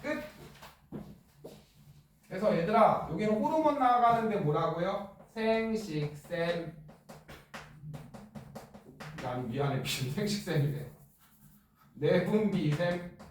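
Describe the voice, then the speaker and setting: A middle-aged male teacher lecturing a class in a joking, blunt way and firing quick questions at students. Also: high-pitched, expressive, slight background noise. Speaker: middle school science teacher. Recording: echoey classroom from far off.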